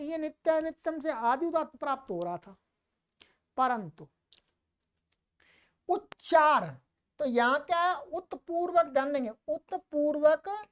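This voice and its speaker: A woman with a high voice gives a Sanskrit grammar lecture. She shifts between careful, measured recitation of the rules and easy, conversational explanation. She keeps checking on her listeners as she goes. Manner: explains sutras in Hindi with Sanskrit recitation, chuckles at examples; slows down for Sanskrit terms, repeats "ठीक है". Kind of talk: classroom lecture.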